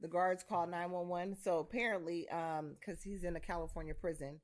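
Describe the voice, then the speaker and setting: A woman's voice: lowish voice, steady tone, brisk. A woman co-hosting a casual podcast, relaying a news story matter-of-factly. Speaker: co-host.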